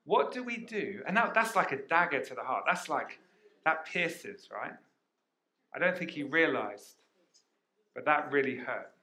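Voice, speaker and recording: Pastor, male, lively sermon delivery, headset mic, roomy church reverb, high and bright. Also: a little slow. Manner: energetic, asks the congregation questions. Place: church hall. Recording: echoey church hall.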